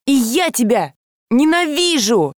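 A woman voicing an enraged teenage girl who shouts accusations in a shrill, straining voice. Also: very animated, unhurried, dry recording, studio quality. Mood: furious shouting.

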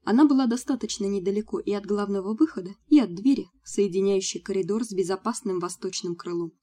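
A woman narrating a first-person audiobook in a steady, storytelling manner. Her voice is warm and mellow rather than bright. Her pitch is moderate. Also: fast.

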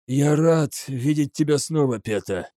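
A man's voice: on the high side, measured pace, warm tone, no echo, clean studio sound, natural voice. A man voicing a wounded, defiant male prisoner who speaks in a slurred voice.

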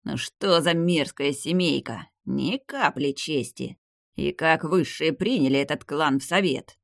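A man reading the part of an old vampire clan head, the narrator's grandfather, in a grave, measured, weary manner. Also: fairly high pitch, vocal fry, a bit bright, no echo, clean studio sound. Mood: angry. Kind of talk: audiobook character reading.

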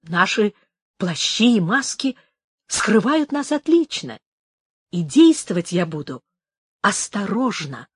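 Woman voicing male priest, eager and reassuring, pitched up, breathy edge, storybook reading. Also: big pitch swings, dry recording, studio quality, exaggerated voice. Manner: brisk, raised and reassuring.

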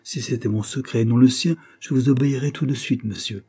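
Man voicing a calm earnest young friend, reproachful, husky, audiobook. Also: mid-range voice, brisk, voice pushed up. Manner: calm, lecturing. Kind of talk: audiobook character voice.

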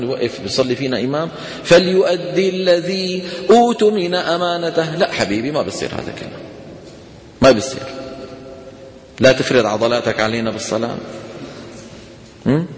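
A man with a Levantine Arabic accent teaching a tajweed lesson, talking casually to students, checking they follow and chanting examples slowly. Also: mid-range voice. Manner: conversational, asks students rhetorical questions. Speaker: Quran recitation teacher. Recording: echoey hall reverb.

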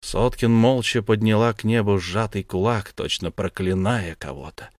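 A man narrating an audiobook in a measured, grave reading. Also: on the low side, no room sound, studio quality. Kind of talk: scripted storybook narration.

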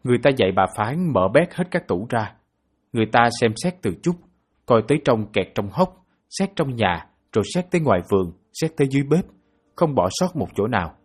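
A man narrating a novel as an audiobook in a steady storytelling manner. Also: mid-range voice, a little fast, breathy edge.

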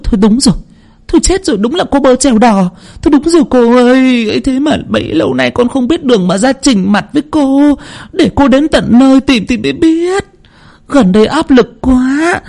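A man's voice: on the low side, huge pitch swings, a little fast, creaky, hardly any pauses, full character voice. A man voicing a distraught young woman who pleads with a spirit medium, stammering near tears, in a storytelling narration.

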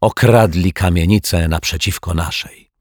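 A man's voice: low-pitched, normal speed, no room sound, studio quality. A man voicing a fussy, breathless male neighbour in a storybook. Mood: worried. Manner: puffing, breathless.

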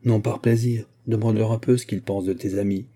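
A man reading the lines of a gruff old shopkeeper who speaks loud, bitter and triumphant, with a husky voice. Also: on the low side, fairly even intonation, brisk, close to an everyday voice. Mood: grumbling.

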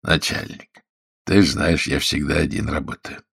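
A man doing a hungover thief in an audiobook, hoarse and half-whispered, low and quiet. He pleads weakly and drops underworld slang. The recording is dry and close. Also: fairly even intonation, moderate pace, dry recording, exaggerated voice. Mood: wary.

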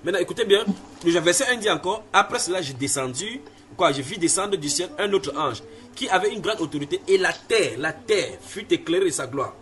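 Guy giving a sermon, kinda high voice, keeps repeating himself, asks the listeners stuff. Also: animated, a little fast, a bit bright. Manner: emphatic, repeats phrases, asks listeners questions. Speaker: preacher. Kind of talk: sermon teaching with Bible reading.

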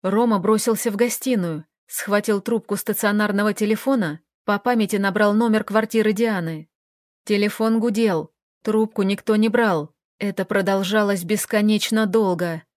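Female audiobook narrator, measured and even; dry booth, mid voice. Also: medium pitch, dry recording. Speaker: audiobook reader. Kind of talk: scripted narration.

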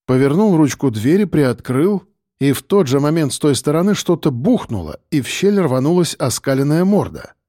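A man narrating an audiobook in a steady, even storytelling voice. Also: on the high side, normal speed, no room sound, studio quality.

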